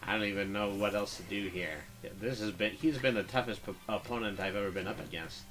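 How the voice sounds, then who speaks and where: A man's voice: fairly low pitch, steady tone, fairly quick, a bit bright, soft background music. A man giving casual, understated commentary as he plays a game, half talking to himself. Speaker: gamer narrating a playthrough. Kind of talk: casual game commentary, reading dialogue aloud.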